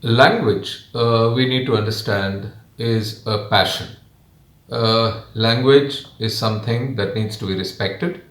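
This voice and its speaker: A man with a Kannadiga Indian English accent, a native Kannada speaker, giving his opinion as a television guest in measured, emphatic phrases with frequent pauses. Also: fairly low pitch, a bit bright. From Karnataka, India. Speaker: guest commentator. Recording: roomy, echoing sound.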